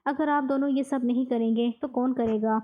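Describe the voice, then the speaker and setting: A woman voicing a scheming, arrogant young wife who talks in a sharp, bossy way in a storybook narration. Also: high-pitched, fairly even intonation, lo-fi sound, natural voice. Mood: bossy scolding.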